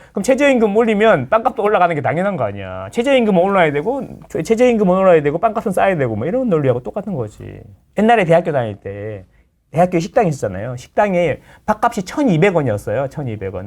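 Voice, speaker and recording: A man's voice: a little high, darkish tone. A middle-aged man, a real estate lecturer chatting casually as a guest, explaining with everyday analogies and acting out the people he quotes. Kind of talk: casual chat.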